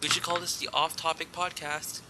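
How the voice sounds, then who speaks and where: A man's voice: on the high side, level tone, a little fast, pushed and bright. A young man hosting a casual gaming podcast, upbeat and chatty. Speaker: podcast host.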